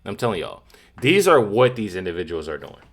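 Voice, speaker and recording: A man's voice: deep voice, big pitch swings, fairly quick. A man hosting a reaction channel, talking casually and emphatically with many fillers and repeats. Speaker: commentary channel host.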